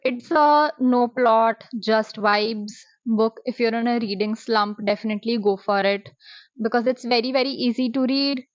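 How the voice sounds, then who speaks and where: A woman, talking through book reviews in a chatty, expressive vlog style. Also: fairly high pitch, normal speed, dry recording. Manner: chatty, expressive, drops in Hindi words. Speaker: booktuber. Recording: dry, slightly muffled.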